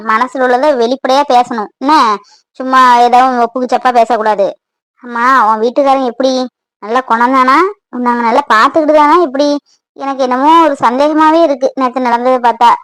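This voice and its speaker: A woman's voice: high voice, steady tone, moderate pace, no room sound, close to an everyday voice, low-quality recording. Woman voicing a blunt, scolding village mother. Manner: scolding, bossy questioning.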